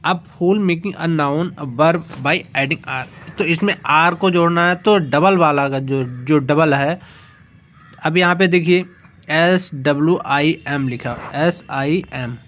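A male teacher giving an exam-prep grammar lesson, explaining slowly and repeating himself, spelling out letter by letter. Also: on the high side, a bit bright, slight background noise. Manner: slow, repetitive explaining, spelling words out letter by letter.

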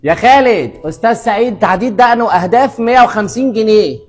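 Brief: teasing Egyptian barber, comedy sketch, fast, slightly high. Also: male voice, faint music behind. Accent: Egyptian Arabic. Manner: teasing, bantering, rapid-fire jokes at customers. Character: cheeky joking neighborhood barber, adult man. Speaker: actor.

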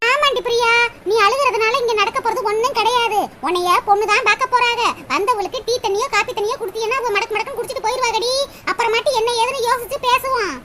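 A woman's voice: extremely high pitch, fast. A woman voicing a bossy middle-aged village neighbour in a cartoon, coaxing and scolding with folksy sayings in a southern Tamil accent. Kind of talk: dubbed cartoon comedy. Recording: loud hiss and clicks over the voice.

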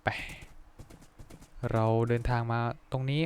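A young man giving polite, chatty let's-play commentary, breaking into excited outbursts. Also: slow pace, slight background noise. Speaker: gaming YouTuber.

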